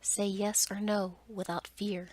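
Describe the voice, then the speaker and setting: A woman voicing a gentle, lovelorn male beast from a storybook, slowly and earnestly, in a soft, breathy half-whisper. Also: mid-range voice, little pitch movement, a little hiss or hum, close to an everyday voice. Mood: earnest pleading. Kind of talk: whispered storybook character reading.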